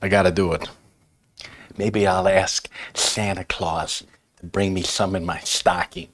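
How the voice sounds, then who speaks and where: A man with a slightly low voice chats casually as a live stream co-host. He is jokey and anecdotal, talking in loose, conversational phrases. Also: flat delivery, measured pace, a bit bright. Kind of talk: casual chat.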